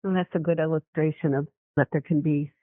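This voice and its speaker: A woman's voice: sits low, fairly even intonation, fairly quick, no room sound. A woman hosting a radio interview, asking thoughtful, empathetic questions. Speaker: radio show host. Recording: dry, phone-like line.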